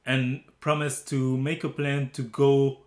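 A man's voice: mid-range voice, little pitch movement, slow, a little mellow, echoey room. A man co-hosting a movie review talk, thinking aloud with fillers and restarts. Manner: thoughtful, hesitant with fillers. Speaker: movie review podcast co-host. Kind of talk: casual conversational film review.

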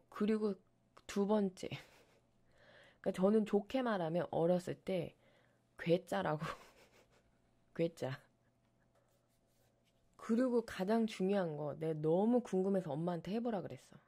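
A woman who streams ASMR, chatting casually on her live stream and telling stories with animated energy and frequent laughs. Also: fairly low pitch, normal speed.

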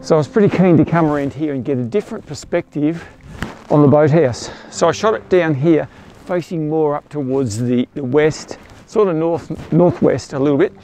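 Faint music plays behind a slightly high, warm-toned man as he chats casually and keenly to camera about his photography at a moderate pace. The astrophotographer wears a clip-on mic, filming in the bush at night and again at a bush camp the next morning.

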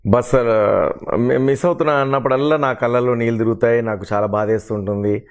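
A middle-aged man speaks in an earnest, aggrieved way as an interview guest. His pitch sits at an ordinary middle level for a man. He runs through the parts he has played and asks why the offers have stopped. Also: fairly even intonation, fairly quick, clean tone. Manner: earnest, aggrieved, lists his roles at length. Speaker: mimicry artist and actor, interview guest. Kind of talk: emotional interview talk.

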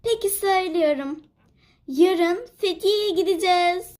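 A woman's voice: very high voice, measured pace, darkish tone. A woman voicing a mother pet in a toy figure video, reassuring but scolding.

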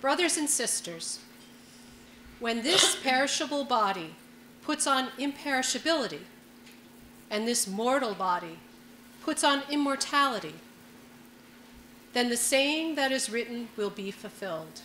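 A middle-aged woman reading scripture solemnly as lector, in short deliberate phrases, at a church lectern with echo. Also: on the high side, lively intonation, sharp tone. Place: stone church interior. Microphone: gooseneck microphone at lectern. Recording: echoing church, faint background noise.

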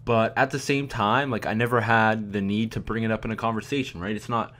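A young man giving a casual, candid commentary to his viewers, relaxed and chatty with frequent fillers. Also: lowish voice, brisk. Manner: laid-back, candid, with fillers like "man" and "you know". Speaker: YouTube commentator.

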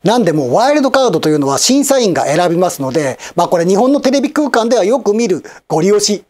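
A middle-aged man hosts his own channel in a formal, measured newsreader manner. His pitch moves in lively swings, and he slips in dry, wry asides. His tone stays polite and composed throughout. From Japan, Osaka and Kochi. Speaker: channel host and commentator. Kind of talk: scripted news-style commentary.

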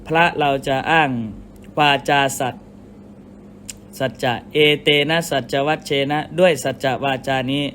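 A man, a Buddhist monk, giving a measured dharma sermon and explaining with everyday comparisons. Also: a little high, steady tone, fairly bright tone, slight background noise.

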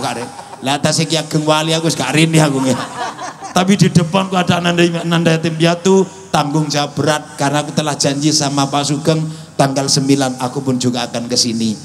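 A middle-aged male preacher with an East Javanese accent, giving a humorous sermon and mixing joking asides with Arabic recitation. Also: a little high. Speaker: Islamic preacher. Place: outdoor stadium gathering.

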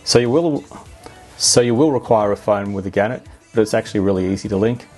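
A man's voice: lowish voice, fast talker, a little mellow, soft background music. A man with an Australian accent gives a matter-of-fact product review as a voice-over, explaining features plainly. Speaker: drone reviewer.

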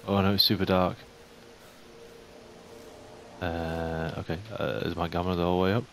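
Man, low gravelly voice, chatty game commentary, faint hiss behind. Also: normal speed. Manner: chatty, talks to animals in the game, jumpy and excitable. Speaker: gaming YouTuber.

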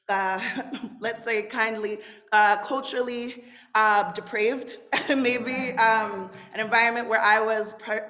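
A young woman from Zimbabwe, the featured poet, performs spoken word at a lectern's stand microphone in an indoor room with a brick wall. Her raspy voice is medium-pitched and a bit bright, and her declamation is dramatic and rhythmic, with sweeping gestures.

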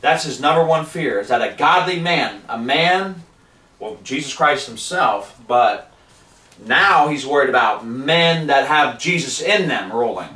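A man's voice: mid-range voice, animated, measured pace, pushed and bright. A man in his forties preaching a fervent sermon in a living room, reading from scripture, filmed by a camera across the room. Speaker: street preacher. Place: living room with wood paneling. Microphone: far camera. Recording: roomy sound from a distant camera.

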